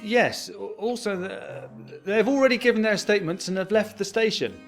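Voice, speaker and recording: Male actor as officious Victorian police sergeant, London accent, brusque, high lively voice, music beneath. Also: normal speed, natural voice. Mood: officious, evasive. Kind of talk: audio drama acting.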